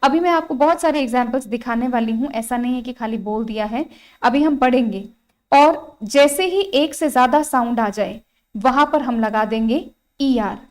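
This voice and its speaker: A woman's voice: a little high, moderate pace, darkish tone. A woman teaching an exam-prep English grammar lesson, repeating points and asking her students questions. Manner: repeats points, asks students rhetorical questions, spells out vowels.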